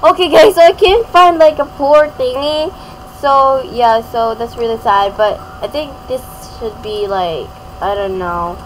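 A woman's voice: a little high, a little slow, a little hiss or hum, rough recording. A young woman hosting a gaming channel, giving casual, playful gameplay commentary and laughing often.

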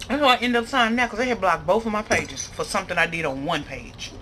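American lady doing a mukbang chat, bright punchy voice, mouth full now and then, noisy room w/ dishes clinking. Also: mid-range voice, quick pace. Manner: animated, emphatic complaining with slangy phrasing. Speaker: mukbang vlogger. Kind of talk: casual chat to viewers while eating. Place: indoor room at a table. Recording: clear background noise, clattering cutlery and dishes.

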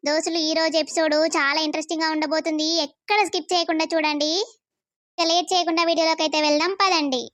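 A chatty woman narrator opens a cartoon episode. She talks high and fast, in a dry, close recording. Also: little pitch movement, fairly bright tone, no room sound. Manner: upbeat, chatty. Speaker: channel narrator. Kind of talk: video introduction.

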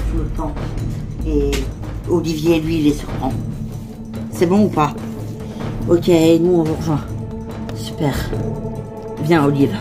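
Low, slow woman voicing a whole cast. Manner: switches quickly between many character voices, bursts into shouted cries for help. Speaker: voice actor of a toy-figure series. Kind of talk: homemade toy-figure drama voicing. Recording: background music under the voice.

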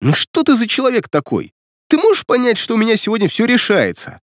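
A man's voice: fairly high pitch, wildly swooping pitch, moderate pace, no room sound, clean studio sound, voice pushed up. A man doing an eager lovestruck womanizer. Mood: pleading. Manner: eager, insistent, pleading. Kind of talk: audiobook character reading.

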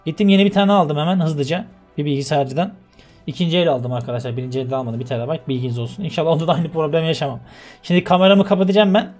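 A young man with a high voice talks loosely and directly to his viewers, like friends, winding through a long story before showing his game settings. Faint music sits under his casual gamer chat. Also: very fast, a little mellow. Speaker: gaming YouTuber. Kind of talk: casual let's-play chat.

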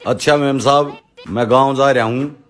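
A man's voice: medium pitch, fairly even intonation, moderate pace, close to an everyday voice. A middle-aged man playing a deferential household servant in a comedy skit. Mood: polite. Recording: faint background noise.

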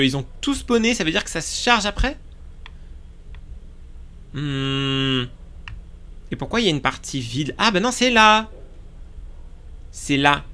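Excitable high-voiced French gaming man. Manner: excitable, talks to viewers while playing; sudden yelps and jumps in pitch. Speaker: gaming YouTuber. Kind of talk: let's play commentary.

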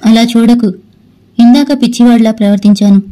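A woman's voice: on the high side, little pitch movement, a little fast, close to an everyday voice, low-quality recording. A woman voicing a young husband in a storybook, sarcastic at first and later tender. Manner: sarcastic, later gentle and pleading. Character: brooding young husband, harsh then tender.

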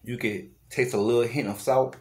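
A woman reviewing snacks in a casual vlog, talking while chewing, relaxed and plain-spoken. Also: very deep voice, moderate pace, noisy background.

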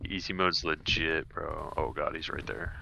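A man's voice: very deep voice, fairly even intonation, moderate pace, creaky. A young man chatting casually as he plays a co-op game, slangy and repeating short phrases. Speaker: gamer, co-op partner. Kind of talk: casual gaming chat. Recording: loud noise and clicks behind voice.

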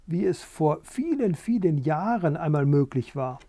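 A man voicing the oldest hen of the farm, shrewd and bossy, speaking in a deliberate, challenging way. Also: a little high, animated, dark tone, no echo.

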